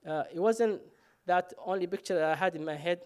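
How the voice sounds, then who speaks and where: A man's voice: sits high, a little fast, darkish tone, clean tone. A man from Somalia, telling a personal story on stage with self-mocking humor and frequent "uh" fillers.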